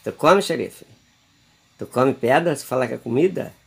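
Gravelly, husky Brazilian man coaxing his pets. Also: medium pitch, lively intonation, normal speed. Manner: coaxing, sing-song talk to his pets, with asides to viewers. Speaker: vlogger. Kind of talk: casual home video chat.

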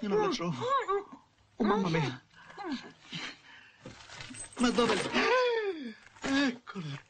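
An actor playing a sly, bumbling male burglar, middle-aged, who mutters and hushes to himself as he works. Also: high-pitched, wildly swooping pitch, takes it slowly, long pauses, full character voice. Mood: hushed fretful. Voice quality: mutters and hushes in a loud whisper. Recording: loud hiss from an old film soundtrack.

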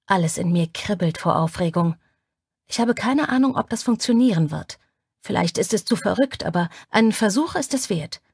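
A woman reading an audiobook in first person, with measured, intimate storytelling. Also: mid-range voice, animated, creaky, a little mellow, slightly rough, dry recording, studio quality. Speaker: audiobook narrator. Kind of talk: scripted first-person narration.

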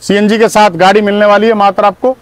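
Selling used cars on an outdoor lot, this fast-talking middle-aged man, whose voice sits fairly high, keeps his pitch punchy and energetic and addresses everyone as "my brothers." A clip-on lapel mic captures him with no echo.

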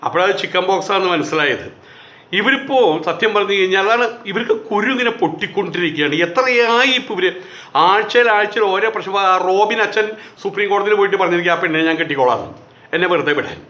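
A man's voice: sits high, bright, forceful tone. A man delivering a heated, sarcastic monologue of commentary, often mimicking others in quoted asides. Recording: echoey, slightly dull recording.

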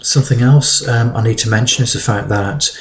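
A middle-aged man narrating his DIY build in a relaxed, practical way with fillers. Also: mid-range voice, fairly quick, a little hiss or hum. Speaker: DIY vlogger.

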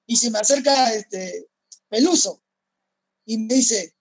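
A man, a former footballer, casually telling stories and filling his pauses with "este". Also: very high voice, husky, no room sound, rough recording. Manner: relaxed, heavy use of fillers. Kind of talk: casual storytelling.

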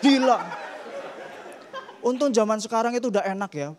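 A man's voice: high-pitched, sing-song, unhurried, over a noisy crowd, heavy background noise. A male stand-up comedian performing on stage, mimicking typewriter clicks and camera shutters as he tells his bits. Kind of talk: stand-up routine. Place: comedy stage before a live audience.

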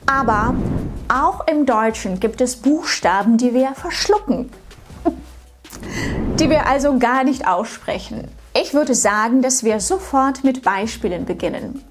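A woman teaching pronunciation, speaking clearly and deliberately and modeling words for the listener to repeat. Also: high voice. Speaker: German pronunciation coach. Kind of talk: scripted pronunciation lesson. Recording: soft music behind.

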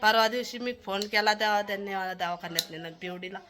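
A woman's voice: medium pitch, fast, heavy background noise. A young woman from Maharashtra, a family vlogger venting to the camera and complaining as she quotes others at length.

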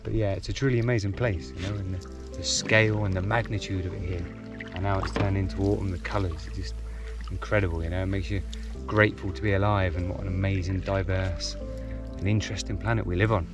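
Relaxed man vlogging from a canoe. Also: sits low, fast, over music. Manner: relaxed, reflective, chuckles often. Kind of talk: casual outdoor vlog narration. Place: outdoors on a lake in a canoe. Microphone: action camera on the boat.

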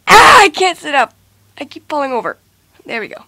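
A young woman playing out an improvised puppet skit with plush toys, exclaiming and bickering excitably in character. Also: sits high, no room sound. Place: small carpeted room at home.

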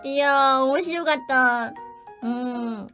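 A woman's voice: high-pitched, slow, bright, forceful tone, faint music behind. A young woman streamer chatting casually and playfully, often breaking into giggles between sentences.

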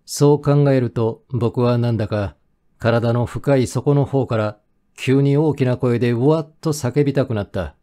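A man reading a first-person mystery as an audiobook narrator, in steady, measured storytelling. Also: mid-range voice.

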